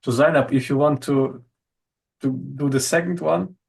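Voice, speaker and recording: A man hosts an online poetry gathering in loose, casual talk. His voice is gravelly and stays on a flat, even line. He hesitates and repeats words while he thinks. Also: on the high side, moderate pace, soft background music. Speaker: host of an online poetry session. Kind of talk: casual group chat.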